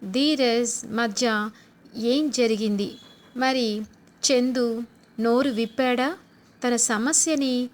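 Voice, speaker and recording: A woman hosts a serial review and retells the episode as a story. She stretches and stresses her words emphatically, in a slightly high voice. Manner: drawn-out, emphatic narration.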